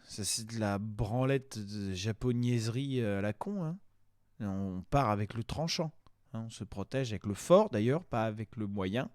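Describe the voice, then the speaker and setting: A man's voice: fairly low pitch, lively intonation, normal speed, a little mellow, no room sound, studio quality. A man doing casual, exasperated and crude mocking commentary as a video host.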